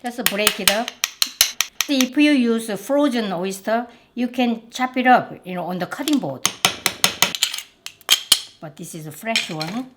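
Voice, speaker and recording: A woman's voice: on the high side, expressive, measured pace, long pauses, heavy background noise. Chatty Korean-accented woman cooking. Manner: chatty, enthusiastic, simple phrasing. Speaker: cooking show host. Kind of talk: cooking demonstration. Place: home kitchen.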